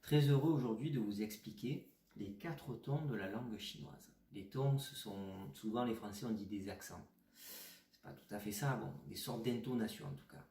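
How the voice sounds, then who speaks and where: Guy explaining tones patiently, lowish dark voice, echoey room a bit far from the mic. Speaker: Chinese teacher. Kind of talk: pronunciation lesson.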